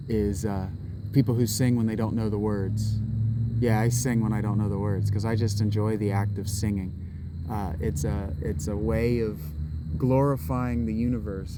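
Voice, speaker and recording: A man vlogs while walking in public, holding his camera and rambling through a spoken monologue. He keeps restarting sentences and drifts into musing aloud. His voice is lowish, with background noise.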